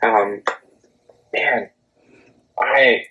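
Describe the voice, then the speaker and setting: A man's voice: lowish voice, fairly even intonation, very slow, lo-fi sound. A young American man chatting casually as an interview guest, youthful, informal and self-deprecating. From Florida, United States. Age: young adult. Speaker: interview guest, singing contestant.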